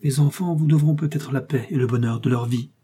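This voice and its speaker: A man's voice: medium pitch, brisk, warm tone, breathy edge, lightly acted. A man reading a proud, haughty aristocratic mother. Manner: cool, haughty. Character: proud grieving aristocratic mother, stern then softened.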